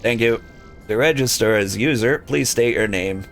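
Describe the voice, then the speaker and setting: A man voicing a polite guidance robot in a video game read-along, speaking in a slow, clipped robot voice as he reads out system prompts. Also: medium pitch, soft background music, natural voice. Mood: mechanical. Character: polite guidance robot node, mechanical and formal.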